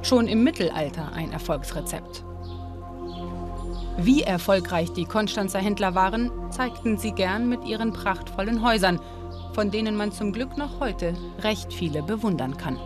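This documentary narration comes from a woman speaking in a medium pitch; she stays calm and measured while informing the listener, with music underneath the voice-over.

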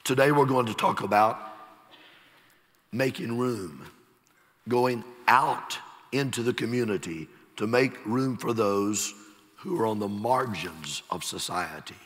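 Slow-preaching pastor in a reverberant church. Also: male voice, on the low side. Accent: Texas. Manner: slow, emphatic preaching with soft trailing endings. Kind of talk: sermon. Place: large church sanctuary. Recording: long church hall reverb.

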